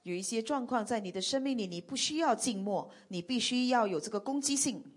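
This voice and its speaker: Husky-voiced woman interpreting a sermon. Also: on the high side, animated, fairly quick.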